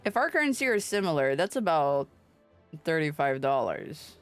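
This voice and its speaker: A woman with a low, sing-song voice livestreams a game over game music, speaking at a moderate pace. She chats irreverently, teasing and swearing, and reads the game's dialogue aloud.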